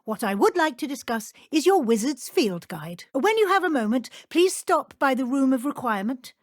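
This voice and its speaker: Professor Matilda Weasley, high-voiced formal schoolmistress. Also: female voice, sing-song, dry recording, studio quality. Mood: brisk, kindly. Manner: formal, measured, crisp schoolteacher diction. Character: stern but caring woman professor at a wizard school. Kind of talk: scripted video game character dialogue.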